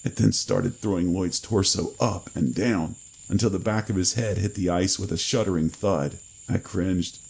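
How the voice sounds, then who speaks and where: A man reading a first-person horror story in a slow, grave storytelling manner. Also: sits low, vocal fry, a little mellow, breathy edge, rough recording. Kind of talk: scripted horror narration.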